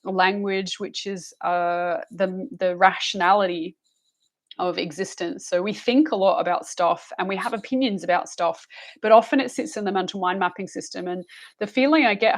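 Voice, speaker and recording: A woman giving a live psychic reading, soothing and rambling, calling the listener love and honey. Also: mid-range voice. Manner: rambling with frequent restarts and fillers. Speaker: psychic reader.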